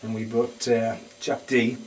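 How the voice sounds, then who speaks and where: Speaking a little slowly with a flat delivery, this man has a medium-pitched voice and a Northeast English accent. He's a band guitarist from Sunderland, England, rambling easily through a casual lounge-bar interview, captured by a distant mic with faint room noise.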